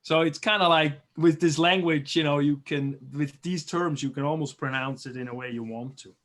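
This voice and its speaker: A man from Switzerland teaching a biology review class over a video call, chatty and encouraging, slowly repeating terms. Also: a little high, fairly bright tone.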